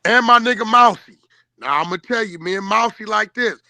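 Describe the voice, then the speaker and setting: A man's voice: high voice, brisk, sharp tone, dry recording. A man talking casually and boastfully on a call, in an emphatic, insistent, slangy street style.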